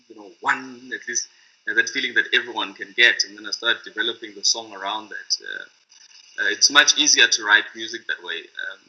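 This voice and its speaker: A man's voice: fairly low pitch, pushed and bright. A middle-aged man and music producer, reflecting thoughtfully and hesitantly, often searching for his words. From South Africa. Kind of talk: reflective talk to camera. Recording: dull lo-fi recording.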